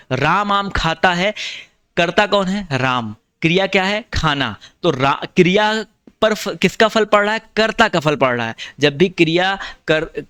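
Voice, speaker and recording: Clear-voiced Hindi teacher, eastern accent. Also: male voice, fairly high pitch, a bit bright, no echo. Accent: eastern Uttar Pradesh or Bihar Hindi. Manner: explains patiently, repeats points, addresses students as brother. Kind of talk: exam-prep lesson.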